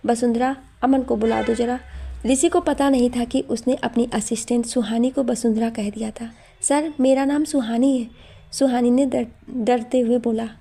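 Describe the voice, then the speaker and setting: A woman narrating a scripted story in a calm, steady manner. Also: on the high side, husky.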